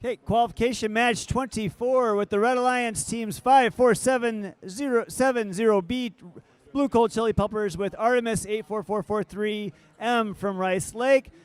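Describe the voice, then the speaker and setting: High-voiced man calling robot matches. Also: steady tone, moderate pace, smooth. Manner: upbeat, joking with the crowd. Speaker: announcer. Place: event hall.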